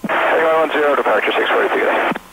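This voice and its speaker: A man's voice: on the high side, fast. A man working as an airline pilot, giving clipped, businesslike readbacks over aircraft radio. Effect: aircraft radio transmission. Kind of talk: pilot radio readbacks to air traffic control. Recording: very noisy, clicking cockpit radio.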